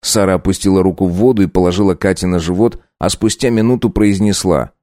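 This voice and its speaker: Deep-voiced male audiobook narrator. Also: fairly even intonation, fast, dark tone, dry recording, studio quality.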